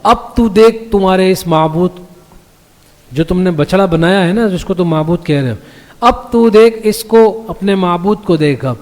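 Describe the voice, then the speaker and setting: A man teaching a class on the Quran in a mosque. He reads each verse slowly, explains it, and keeps checking that his listeners follow. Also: high-pitched, darkish tone. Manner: recites the Arabic verses slowly before translating them. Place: mosque hall. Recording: long reverb of a mosque hall.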